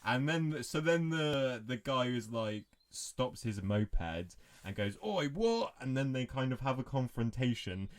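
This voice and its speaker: A man's voice: mid-range voice, measured pace, hardly any pauses. A man co-hosting a podcast, recounting film scenes in a laid-back, sarcastic way. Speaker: podcast co-host. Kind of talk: casual film review chat.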